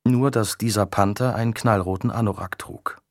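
A man reading an audiobook with steady, even storytelling. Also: fairly low pitch, normal speed, dry recording, clean studio sound. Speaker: narrator. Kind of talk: scripted audiobook narration.

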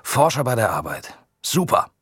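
A man voicing a pushy, impatient young male photographer who calls out loudly across the ice in a dry, husky voice. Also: medium pitch, sing-song, normal speed, no echo. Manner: loud, calling out across the ice.

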